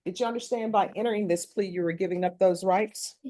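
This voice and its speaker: A woman judge reading formal plea questions in a brisk, set manner, heard on a courtroom recording. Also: medium pitch, mellow.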